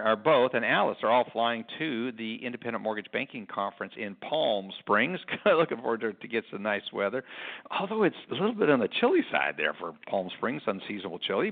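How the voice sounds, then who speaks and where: Male podcast host, creaky voice, casual and rambling business talk, echoey conference room over a phone-like connection. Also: mid-range voice. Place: rented airport conference room. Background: room echo.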